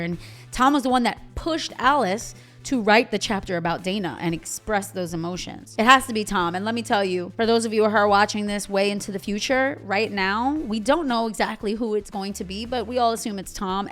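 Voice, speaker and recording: A young adult woman hosting a casual, opinionated episode recap, chatting about characters. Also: mid-range voice. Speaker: TV recap host.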